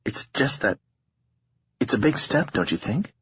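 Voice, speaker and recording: A male narrator voicing a nervous, tongue-tied young man who speaks haltingly. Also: mid-range voice, sing-song, fairly bright tone, breathy edge, no room sound, pitched above the performer's own voice, exaggerated voice. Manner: hesitant, halting. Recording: dull lo-fi audio.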